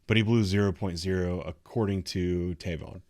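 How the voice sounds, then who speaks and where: A man's voice: deep voice, fairly even intonation, normal speed, darkish tone, no echo, studio quality. A man giving unscripted, instructive commentary on video footage in a matter-of-fact way. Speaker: commentator reviewing police footage.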